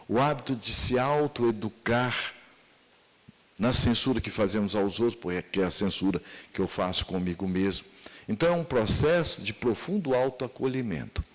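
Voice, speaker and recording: A man's voice: medium pitch, big-room sound. A man with a Brazilian accent giving a spiritual lecture at a seminar, asking many rhetorical questions.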